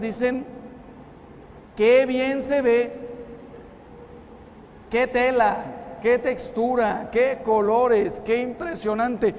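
Mexican priest, 50s, high-pitched storyteller, reverberant hall with faint room noise. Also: male voice. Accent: Mexican Spanish. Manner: animated, acts out quoted voices. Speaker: priest giving a talk. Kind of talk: storytelling sermon.

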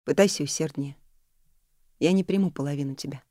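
A cool, stubborn young man, as a woman narrator puts him on, answering in short, level lines. Her voice sits low and mellow. The sound is dry and close. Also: brisk, dry recording, lightly acted. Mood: firm. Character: calm, stubborn young man, the hero's love. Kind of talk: audiobook character reading.

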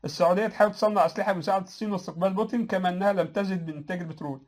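A man's voice: sits high, racing. A man with an Egyptian Arabic accent gives casual political commentary, answering viewers with sarcasm, laughing at his own points and restarting his phrases often.

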